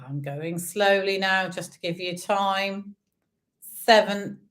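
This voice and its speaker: A British woman hosting as a bingo caller, calling numbers in a drawn-out sing-song way with casual chat in between. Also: mid-range voice, a bit bright. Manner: draws out numbers, repeating each in traditional rhyming calls. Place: seated indoors at a computer, online session.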